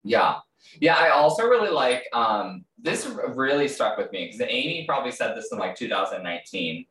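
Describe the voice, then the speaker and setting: A man's voice: medium pitch, very animated, normal speed, sharp tone. A man hosting a podcast interview, chatting casually with lots of fillers and restarts. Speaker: podcast host. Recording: roomy sound, distant from mic.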